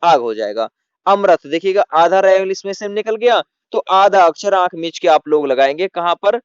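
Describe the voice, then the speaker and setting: A man with a high, smooth, clear voice teaches Hindi grammar, often stopping to put questions to his listeners and then answer them himself. The sound is dry and close, with a slightly dull, muffled top end. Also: lively intonation, normal speed, dry recording. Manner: repeats "theek hai dosto" and asks the class questions. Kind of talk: classroom-style lesson.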